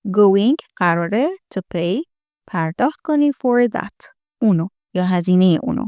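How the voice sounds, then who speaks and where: A woman teaching English from film lines, repeating each line slowly in an American accent and then explaining it. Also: medium pitch, animated, mellow, dry recording.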